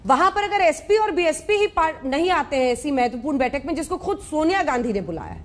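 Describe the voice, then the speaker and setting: A woman news anchor moderating a TV debate, brisk and interjecting as she presses guests with questions. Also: sits high, very animated.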